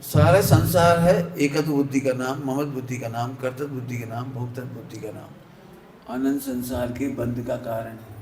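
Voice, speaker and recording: A man giving a sermon as a Jain preacher, speaking slowly and emphatically and repeating key phrases to drive them home. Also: medium pitch, steady tone, a little mellow, slight background noise. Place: large hall. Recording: echoey hall, faint ambience.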